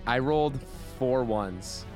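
A man's voice: mid-range voice, slow pace. Casual male gamer over music. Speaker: player in a tabletop game. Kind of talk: casual game table chat.

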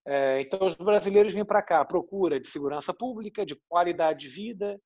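Husky Brazilian man from Rio. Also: high voice, fairly quick, a little mellow, no room sound, dull audio. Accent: Rio de Janeiro Brazilian Portuguese. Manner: explanatory, thoughtful, frequent "né?" tags. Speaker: journalist. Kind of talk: interview answers.

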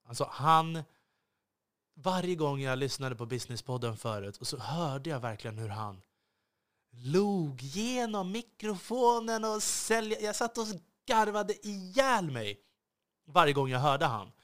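A man's voice: mid-range voice, very animated, fairly bright tone. A man hosting a solo podcast, talking with intensity that can come across as biting, full of hesitations and restarts. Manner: intense, earnest delivery that can sound biting. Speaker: podcast host.

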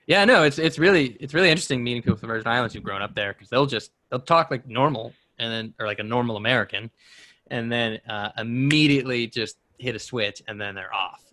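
A man's voice: medium pitch, fast talker, bright, forceful tone, no room sound. A man in his twenties co-hosting a podcast, rambling through a story and laughing at himself. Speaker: podcast co-host. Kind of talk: casual chat.

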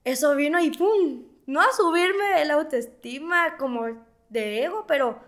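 A young woman giving a casual church testimony in an interview, telling her story in a lively way and acting out remembered dialogue. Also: high-pitched, measured pace.

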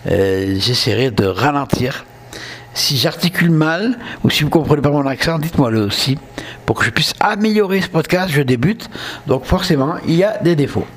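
This podcast host, a man from southern France with a matching accent, talks to his audience in a chatty solo show, regularly tossing in "ok?" to check in. He speaks at a moderate pace in an expressive voice that runs a bit high.

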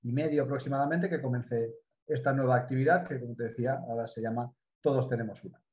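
This middle-aged man, who has a Spanish accent and comes from the Mediterranean coast of Spain, works as a business consultant. During a live interview he explains what he does in a measured way. His medium-pitched voice is slightly mellow, and the sound is roomy.

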